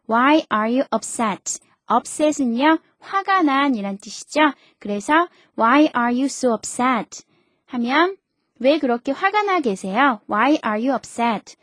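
A woman hosting a scripted radio language lesson, explaining patiently and reading example sentences slowly. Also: high voice, dry recording, clean studio sound. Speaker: radio English teacher and host.

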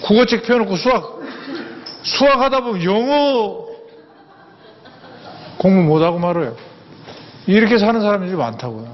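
A man's voice: high-pitched, lively intonation, normal speed, long pauses. An older man giving a humorous lecture, folksy and anecdotal, repeating words for emphasis. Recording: echoey hall, dull sound, faint ambience.

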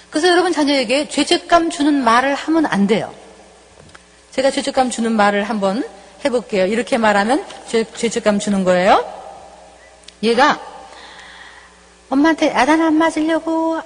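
High-voiced woman lecturing on parenting. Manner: lively, acts out dialogue in shifting voices. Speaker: professor giving a parenting lecture. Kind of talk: lecture with acted-out parent and child quotes. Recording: lecture hall with long reverb.

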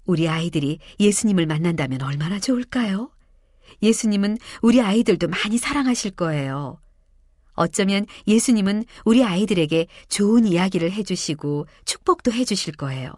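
A woman's voice: mid-range voice, animated, moderate pace, darkish tone, no echo, clean studio sound, close to an everyday voice. A woman voicing hopeful young mothers talking together in a children's Bible story.

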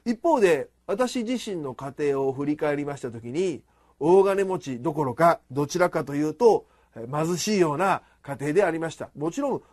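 A middle-aged man preaching a sermon in a formal, measured way, rising for emphasis. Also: fairly high pitch, darkish tone, no echo, clean studio sound. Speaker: pastor.

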